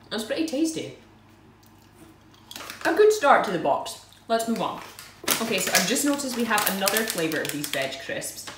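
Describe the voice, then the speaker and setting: Woman rambling through a snack box, giggly, echoey room with faint hiss. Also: lowish voice. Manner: chatty, self-deprecating, giggly asides. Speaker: food vlogger. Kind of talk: casual unboxing and tasting review. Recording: roomy echo, mic at a distance, faint noise.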